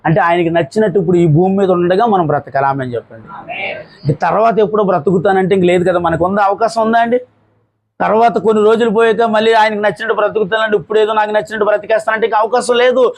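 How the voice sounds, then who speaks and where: A man, a pastor preaching a sermon and calling for amens from the congregation, switching between loud exclamations and slow, low phrases. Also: poor audio. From India. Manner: call-and-response preaching, urging amens.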